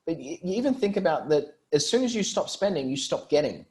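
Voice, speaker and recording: He sounds a little high and sing-song, talking a little fast with an Australian accent. The man, a Brisbane marketing entrepreneur, is an interview guest explaining things informally, as if in conversation.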